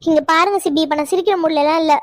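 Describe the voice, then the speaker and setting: A woman voicing a sharp-tongued young village woman. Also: very high-pitched, steady tone, dry recording, clean studio sound. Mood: indignant. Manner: quick, indignant, protesting. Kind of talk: cartoon voice acting.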